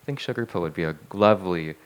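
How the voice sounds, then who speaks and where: A man's voice: deep voice, lively intonation, quick pace, clean tone. A man co-hosting a podcast in casual chat, rambling and chatty with lots of fillers. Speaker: podcast co-host.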